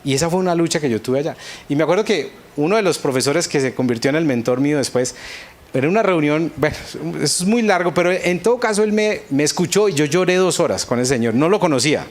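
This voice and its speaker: A man's voice: a little high, expressive, fast talker. A man with a Colombian accent preaching a sermon, telling a personal story and acting out his own past prayers with earnest feeling. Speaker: pastor.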